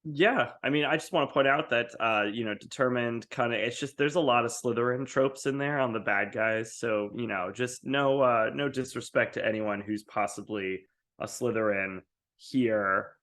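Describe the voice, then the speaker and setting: A man's voice: mid-range voice, normal speed, a bit bright. Rambling, stuffy-voiced male podcast guest. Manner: rambling, many fillers and restarts. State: stuffy from allergies. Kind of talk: casual podcast chat.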